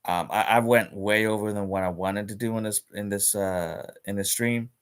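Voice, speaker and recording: A man's voice: lowish voice, fairly even intonation, moderate pace, clear, resonant tone. A man streaming live in a casual, rambling rant about a mobile game, repeating himself and restarting his sentences, with hiccups. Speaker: gaming streamer.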